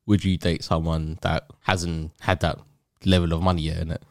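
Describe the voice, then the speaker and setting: A man's voice: low-pitched, level tone, normal speed, vocal fry, a little mellow, no echo, studio quality. A man with a London roadman accent chatting casually in heavy street slang, often ending on tag questions. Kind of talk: casual podcast chat.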